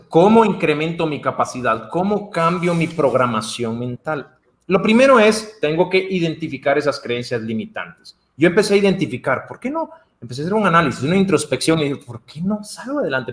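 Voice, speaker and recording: Guatemalan Spanish accent, slightly high male voice, video call, lively quoted voices. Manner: chatty, acts out quoted voices. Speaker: guest speaker. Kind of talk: conversational talk on a video call.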